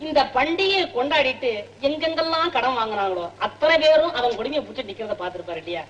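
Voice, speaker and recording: A man's voice: very high voice, expressive, sharp tone, heavily acted. An actor playing a wisecracking, poor male tour guide, bantering in a film comedy. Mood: cheeky. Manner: joking, rapid banter. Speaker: tourist guide.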